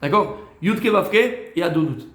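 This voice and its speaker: A tired man teaching Torah to a small group, his voice high. He repeats phrases, slips in Hebrew words and keeps asking his listeners whether they follow. The recording rings with the echo of the room. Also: lively intonation, normal speed, fairly bright tone. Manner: repeats phrases, mixes Hebrew terms, asks listeners questions. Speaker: rabbi teaching a Torah class. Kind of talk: informal Torah lesson with questions from students.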